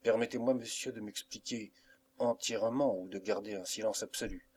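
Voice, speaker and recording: A man's voice: lowish voice, steady tone, normal speed, darkish tone, slightly rough. Polite, restrained young heroine for an audiobook, read by a man. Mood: firm. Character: frightened but firm young woman. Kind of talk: audiobook reading.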